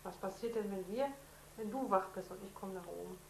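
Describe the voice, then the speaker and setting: A woman's voice: mid-range voice, fairly quick, creaky. A woman reading a children's storybook aloud at home and patiently asking questions between passages. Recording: echoey room with faint noise.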